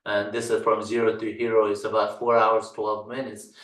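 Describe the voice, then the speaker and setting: Recorded with a mic set some way off in an echoey room, this Afghan tech instructor talks through a computer lesson for his channel in a casual screen-recording. Dari is his native language; his fairly low voice stays flat as he halts, fills pauses, and slowly goes through items one at a time.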